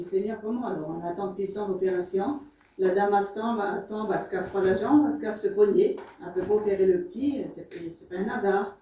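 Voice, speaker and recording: A woman's voice: medium pitch, warm tone. A woman giving a spoken church testimony, telling her story with emotion and many fillers. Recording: echoey room, far from the mic.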